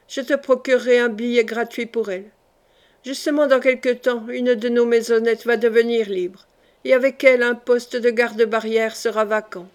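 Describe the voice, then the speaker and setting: A woman reading the part of a kind male stationmaster, a former army captain, who speaks gently and reassuringly. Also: fairly high pitch, close to an everyday voice.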